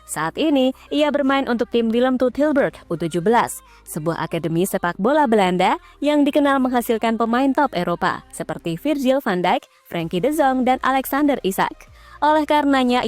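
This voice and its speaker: A woman's voice: fairly high pitch, lively intonation, moderate pace. A woman narrating football news in a scripted read, dropping in casual slang asides. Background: faint background music.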